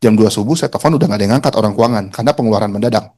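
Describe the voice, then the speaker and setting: A man's voice: fairly low pitch, very fast. A man giving a talk to an audience, telling a personal story in casual slang and acting out the other people in it. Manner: colloquial Jakarta slang, animated, mimics voices. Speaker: motivational speaker.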